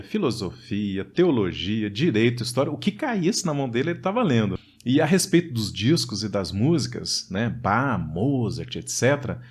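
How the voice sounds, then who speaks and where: A man's voice: mid-range voice, a little mellow, husky. A Brazilian man co-hosting a storytelling podcast, talking animatedly and turning to address the listeners directly. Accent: Brazilian Portuguese. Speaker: podcast co-host.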